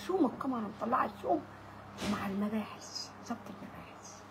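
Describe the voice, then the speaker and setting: A woman's voice: fairly high pitch, animated, fast talker, a little hiss or hum, low-quality recording. Pleading Egyptian woman in her sixties. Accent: Egyptian Arabic. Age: 60s. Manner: pleading, repeats her words over and over. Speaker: interviewee, widow. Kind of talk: emotional street interview.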